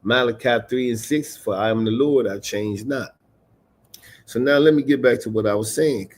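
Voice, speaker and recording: A man teaching scripture on a livestream, mixing casual slang with slow, stressed readings of old verses. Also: mid-range voice. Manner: emphatic, stresses single words while reading scripture aloud; casual street slang mixed with King James reading. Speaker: religious teacher.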